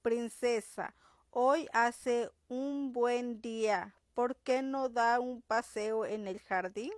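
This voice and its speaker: A woman's voice: fairly high pitch, slow pace, dry recording. A woman voicing an indifferent palace maid who speaks politely but coldly.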